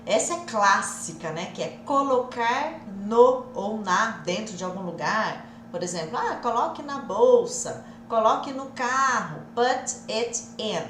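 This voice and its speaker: A Brazilian woman teaching a live English lesson, drilling phrases over and over in a lively, repetitive way. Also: fairly high pitch, unhurried, hardly any pauses, reverberant, a little hiss or hum. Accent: Brazilian Portuguese.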